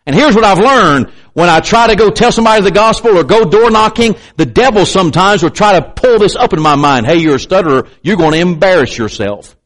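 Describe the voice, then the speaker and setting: The recording is rough, and the man preaching speaks a little fast, with lively intonation, few pauses and a slightly bright tone. His pulpit style is emphatic and repetitive, he aims pointed asides at the congregation, and a slight stutter sometimes catches him on a word; doubters get voiced in a higher pitch.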